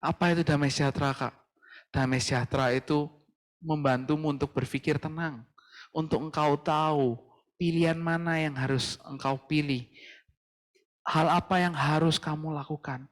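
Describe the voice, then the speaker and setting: Brief: a laid-back youth preacher, slightly higher voice, chatty style. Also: male voice, steady tone, normal speed, pauses often, long reverb tail. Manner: casual, mixing in English phrases, addressing "guys". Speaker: youth pastor. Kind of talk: casual youth sermon. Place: church livestream.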